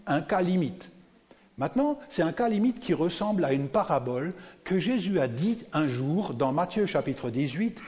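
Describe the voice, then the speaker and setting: A man preaching a sermon to a congregation, animated and often putting questions to his listeners. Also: on the high side, in a large hall. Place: church.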